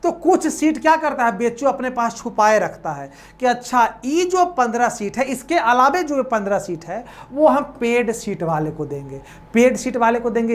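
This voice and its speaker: Higher-pitched woman tutor, self-answering questions. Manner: asks questions and answers them herself, calls students "babu". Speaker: coaching tutor. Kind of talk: online counselling lesson.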